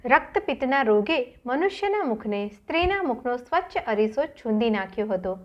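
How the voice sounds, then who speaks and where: A woman narrating a storybook in a dramatic, measured reading style. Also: a little high, big pitch swings, lo-fi sound.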